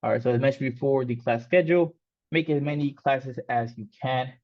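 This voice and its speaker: A Mexican coding instructor whose first language is Spanish teaches an online class, speaking fairly quickly at a medium pitch. His style is loose and casual, full of fillers and restarts, and the lo-fi sound is slightly dull.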